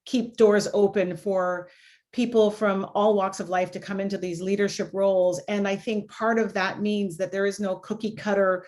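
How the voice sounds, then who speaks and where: A woman's voice: medium pitch, little pitch movement, normal speed, a little mellow. A woman born in Jamaica and raised in Canada, a law school dean answering on a video panel in a reflective, candid way with many "you know" fillers.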